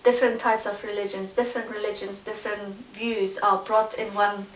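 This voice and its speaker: A woman's voice: mid-range voice, little pitch movement, a little fast. A woman in her forties from Afghanistan speaks as an interview guest, feeling for her words with frequent ums and restarts. She is picked up from some distance in a large, echoing room. A faint hiss runs under her voice. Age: 40s. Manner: hesitant, searching for words with many fillers. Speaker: interview guest, trainee documentary filmmaker. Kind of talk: casual interview chat.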